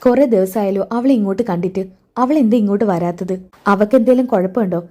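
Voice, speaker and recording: Young pregnant wife read by a woman, hurt but defiant, mellow voice. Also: mid-range voice, brisk, natural voice. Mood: worried. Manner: pleading and confrontational.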